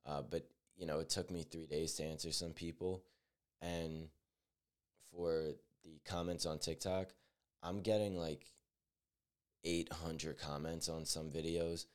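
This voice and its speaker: A teenage man talks through his own solo podcast with an extremely deep, smooth and resonant voice. He speaks earnestly and reflectively, often backing up to restart a sentence and filling pauses with "you know" and "like.". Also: level tone. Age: teens. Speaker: podcast host.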